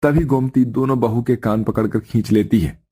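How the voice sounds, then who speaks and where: A man narrates a cartoon story with a middle-pitched voice. His delivery is plain and even. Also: moderate pace, slightly rough.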